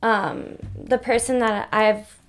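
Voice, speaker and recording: A woman's voice: on the high side, fairly even intonation, takes it slowly. A young woman co-hosting a casual Q&A podcast, speaking earnestly and thoughtfully. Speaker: podcast co-host. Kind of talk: casual chat.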